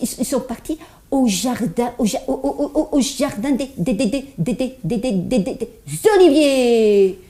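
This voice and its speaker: A woman's voice: high voice, warm tone. A woman voicing a cheerful, eager little child puppet who stutters heavily while telling a Bible story to children. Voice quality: heavy stutter, repeats words many times.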